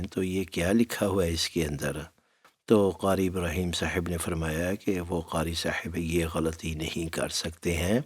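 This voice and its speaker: A middle-aged man teaching Quran recitation who speaks patiently, calls his students "my child" and draws out syllables slowly to demonstrate them. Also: low-pitched, a little mellow. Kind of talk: tajweed lesson.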